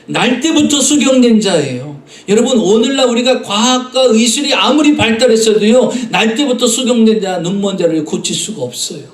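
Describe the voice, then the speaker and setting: High-voiced preacher in a roomy church. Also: male voice, animated, normal speed, few pauses, distant mic. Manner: earnest preaching, addresses the congregation often; acts out voices in his stories. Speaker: pastor. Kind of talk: Sunday sermon. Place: church sanctuary.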